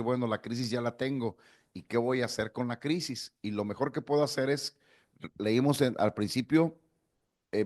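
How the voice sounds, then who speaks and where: A man giving an informal psychology talk, answering questions and acting out little dialogues, with many restarts and fillers. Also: medium pitch.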